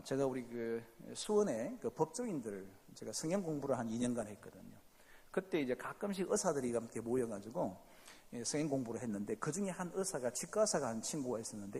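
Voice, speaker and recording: Fervent pastor preaching in a reverberant church. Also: male voice, mid-range voice. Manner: animated, swings from soft asides to loud emphatic preaching. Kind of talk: sermon. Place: church sanctuary.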